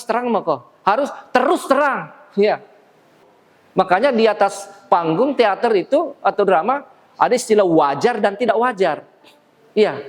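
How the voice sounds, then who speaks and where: A man teaching theater appreciation in a lecture room, lively and quick to laugh. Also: sits high. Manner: lively, acts out stage lines, laughs often. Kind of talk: classroom lecture. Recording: long hall reverb.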